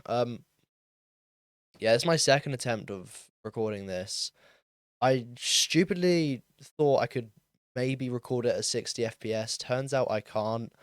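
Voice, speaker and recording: A man with a mid-range voice, recorded clean in a studio with no room sound. He's a late-teen podcast host about to turn twenty, rambling through a solo episode in a casual, self-deprecating way, full of ums and likes.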